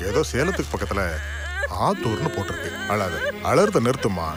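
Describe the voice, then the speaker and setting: An actor playing a father who keeps calming his crying wife. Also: fairly low pitch, fairly quick. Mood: consoling. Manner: consoling, repetitive, pleading. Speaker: father of the missing girl. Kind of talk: film drama acting. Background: loud film score music.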